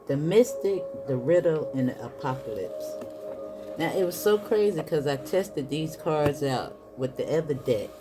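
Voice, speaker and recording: A woman's voice: deep voice, lively intonation, a little slow. A woman doing a casual spiritual card reading, chatting to her viewers and calling them y'all. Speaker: tarot reader. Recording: soft music in the background.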